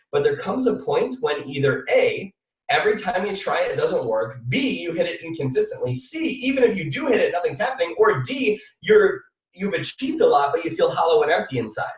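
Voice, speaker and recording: Energetic man coaching in an echoey room. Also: on the high side, far from the mic. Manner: energetic, coaching, talks straight to the audience. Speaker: team trainer. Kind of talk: motivational training talk on a live online call. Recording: echoey room, voice a little off the mic.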